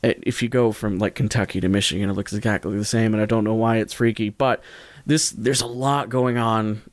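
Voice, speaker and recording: A man with a lowish voice talks a little fast and in a steady tone while recommending things on a casual solo podcast. He meanders, jokes around, and corrects himself informally, and there is no audible room sound.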